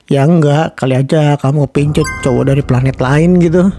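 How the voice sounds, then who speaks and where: A woman's voice: low voice, normal speed, warm tone, faint music behind. A woman voicing an easygoing young man in a cartoon who teases his fiancée. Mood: teasing. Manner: teasing, offhand. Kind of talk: cartoon voice acting.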